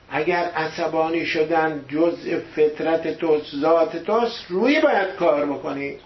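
A man preaching a sermon who keeps putting rhetorical questions to his listeners. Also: on the high side. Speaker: religious teacher. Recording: echoey, dull lo-fi room recording.

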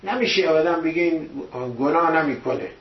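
A man preaching a sermon who keeps putting rhetorical questions to his listeners. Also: a little high. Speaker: religious teacher. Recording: echoey, dull lo-fi room recording.

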